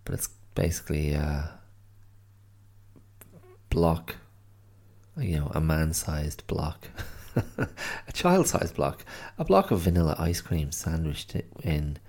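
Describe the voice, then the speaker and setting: An Irish podcast host with an extremely low, expressive, slightly mellow voice speaks slowly and pauses often. Tired and a little stuffy-nosed from hay fever, he chats casually on his solo show, rambling and correcting himself frequently.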